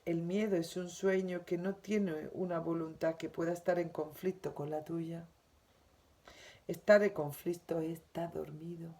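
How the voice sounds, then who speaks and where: Una mujer con acento de España que lee y comenta una lección espiritual diaria, con tono suave, sentido y reflexivo. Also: female voice, medium pitch, creaky, warm tone. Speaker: spiritual teacher. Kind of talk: reading and commenting on a daily spiritual lesson.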